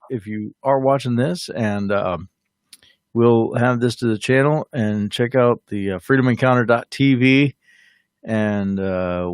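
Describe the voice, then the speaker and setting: An easygoing man in his forties talks agreeably on a home livestream, with a middle pitch and frequent ums. The sound is close and dry, with no audible room. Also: dry recording. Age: 40s. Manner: easygoing, agreeable, halting with fillers. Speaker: ministry co-host who prays for viewers. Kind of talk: casual livestream chat.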